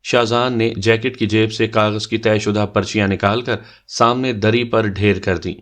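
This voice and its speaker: A male storyteller reading an audio love story aloud, measured and even. His voice sits low.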